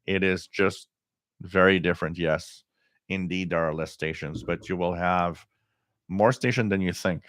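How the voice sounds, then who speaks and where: A middle-aged man hosting a casual live stream, talking in a halting way with frequent pauses as he reads out viewer comments. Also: low-pitched, steady tone, fairly bright tone, no room sound, studio quality. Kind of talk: casual live stream chat about radio.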